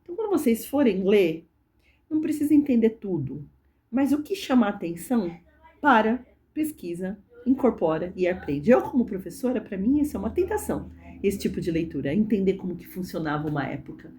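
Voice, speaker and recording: Lively Brazilian woman teaching English. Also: medium pitch. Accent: Brazilian Portuguese. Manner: explains slowly, spells out English phrases with care. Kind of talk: casual video lesson.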